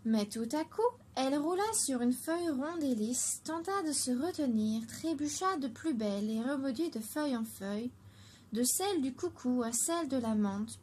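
Female narrator for a children's storybook: high-pitched, clear and gentle, with light background noise.

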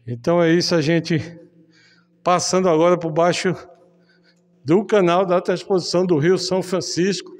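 A man's voice: sits high, little pitch movement, moderate pace, long pauses. A man reporting on location for his online channel from inside a concrete tunnel, his voice echoing off the walls as he talks chattily to viewers. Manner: chatty, addresses viewers directly. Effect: echo of a concrete tunnel.

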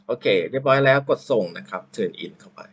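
A man teacher walking through a screen-recorded software tutorial, unhurried and thinking aloud with drawn-out fillers, into a computer microphone. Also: medium pitch, husky, muffled recording.

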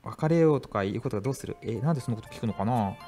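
Young male streamer, lively swooping voice, panicky horror-game play-by-play, faint music behind. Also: very fast. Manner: reads game text aloud with reactions, repeats "はいはいはい"; bursts into high, loud panicked yelps. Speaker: virtual YouTuber streamer. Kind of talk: game let's play commentary.

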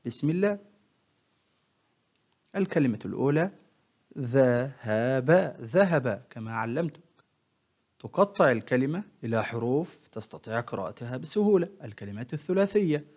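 A man teaching children to read, spelling out words sound by sound in a slow, patient way and praising the learner often. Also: mid-range voice, darkish tone, dull audio. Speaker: primary school Arabic teacher. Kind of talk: recorded reading lesson for children.

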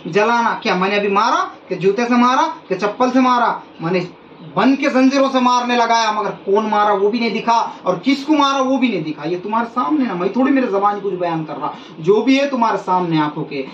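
A man's voice: high-pitched, expressive, a little fast, fairly bright tone, slight background noise. A man who is a faith healer, preaching emphatically to an audience and repeating his warnings during a healing session. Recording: roomy, distant, dull sound.

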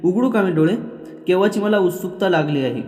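A man's voice: high-pitched, animated, fairly quick, a little mellow, roomy sound, big-room sound, soft background music, pitched above the performer's own voice. A man voicing a sulky young wife who whines and complains. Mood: whiny. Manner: whining, complaining.

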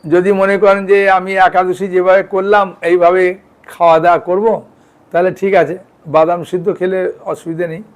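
High-voiced man giving a devotional talk. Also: flat delivery, fairly quick, clean tone. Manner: conversational, frequent "yes?" and "all right?" checks with listeners. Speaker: devotional teacher. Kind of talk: informal devotional lecture.

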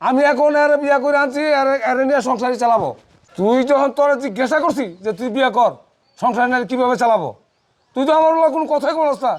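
Older father type played by a man, gruff and defiant, quick, high-pitched delivery with a Bangladeshi accent. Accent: Bangladeshi colloquial Bengali. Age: 60s. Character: stubborn sixty-year-old father who remarries.

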